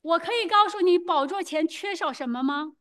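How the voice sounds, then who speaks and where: A woman interpreting a sermon phrase by phrase, quick and hesitant, with fillers and self-corrections. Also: very high voice, fairly bright tone.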